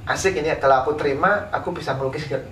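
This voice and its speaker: A man from East Java, an interviewed painter, tells his life story in a casual, unhurried way with many fillers. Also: on the high side, fairly bright tone. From East Java, Indonesia. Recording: roomy, from a distance, faint background noise.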